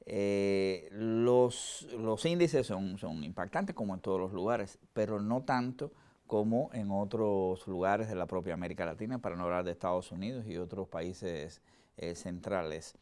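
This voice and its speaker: Lowish Cuban man interviewing conversationally. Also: a little slow, a little mellow, clear, resonant tone. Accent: Cuban Caribbean Spanish. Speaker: regular analyst and interviewer.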